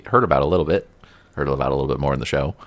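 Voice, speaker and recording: Super deep voiced guy cohosting a podcast, rambly and jokey. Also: rapid-fire. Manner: joking, rambling with fillers. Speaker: podcast co-host. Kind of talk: casual chat.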